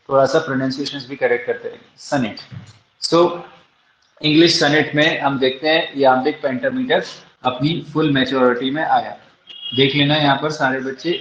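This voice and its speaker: Slight background noise sits under a man's mid-range voice as he lectures on English literature for an exam. With an Indian English accent, he answers his own rhetorical questions, and the room sounds echoey, dull and lo-fi.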